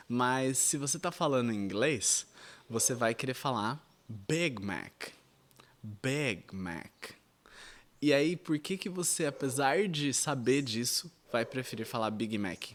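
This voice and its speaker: A Brazilian man in his thirties with a Brazilian Portuguese accent, speaking at an ordinary mid pitch as he teaches in a video lesson. He explains things conversationally and talks straight to the viewer. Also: moderate pace, fairly bright tone, a little hiss or hum. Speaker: English teacher.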